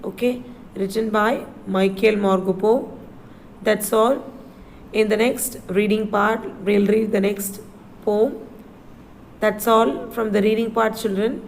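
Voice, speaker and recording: A woman teaching children to read, taking each word at an unhurried pace and spelling it out letter by letter before saying it again. Her pitch sits in an ordinary middle range, and a faint hiss of background noise runs under the recording. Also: level tone, creaky, low-quality recording. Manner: spells words letter by letter and repeats them slowly. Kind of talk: slow spelled-out reading lesson for children.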